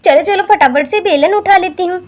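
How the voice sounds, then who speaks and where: A very high-voiced young housewife, voiced by a woman in a homemade doll drama. She fusses and talks to herself in a constant running commentary. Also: moderate pace. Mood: determined.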